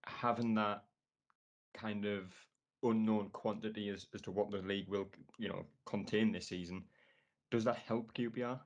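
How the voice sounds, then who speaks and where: A man's voice: fairly low pitch, steady tone, normal speed, highs cut off. A man with a Sunderland accent hosting a casual football podcast, asking long leading questions. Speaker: podcast host.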